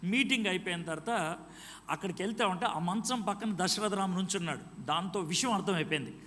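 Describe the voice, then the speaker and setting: A male preacher tells a story during a sermon, acting out each exchange of dialogue. His voice sits a little high for a man. It rings with a long reverb in a large hall. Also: a little fast, sharp tone.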